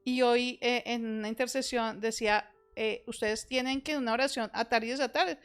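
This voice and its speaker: A woman's voice: a little high, steady tone, moderate pace, clean tone, soft background music. A woman talking casually about prayer and spiritual life, reflective and lightly joking, quoting her own prayers. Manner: reflective, self-deprecating humor, quotes her prayers. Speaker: church member in conversation. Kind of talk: casual chat on faith.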